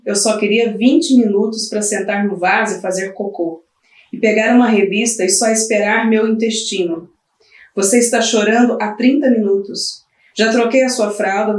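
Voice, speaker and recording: A woman's voice: mid-range voice, darkish tone, close to an everyday voice. Woman reading as an exhausted, tearful new mother. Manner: weary, pleading, breaking into tearful cries. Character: exhausted new mother talking to her baby. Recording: roomy, from the mic at a distance.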